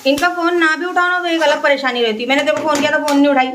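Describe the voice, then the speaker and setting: A young woman, a family vlogger and mother of two, chats casually with her viewers while cooking in her home kitchen, venting and explaining as she goes. Her high voice keeps a steady tone at a rapid-fire pace, far from the mic in an echoey room with light background noise.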